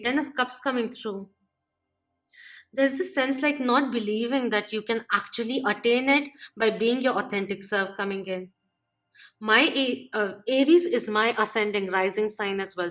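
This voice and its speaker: A woman giving a channeled tarot reading, gently and reflectively listing what each card means. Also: on the high side. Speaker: tarot reader.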